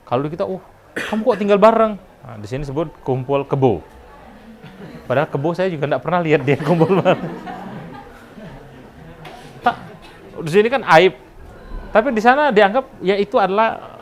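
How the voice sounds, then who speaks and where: A middle-aged man giving a chatty university lecture, slipping in English phrases and laughing at his own jokes. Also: a little high. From Indonesia. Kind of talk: classroom lecture.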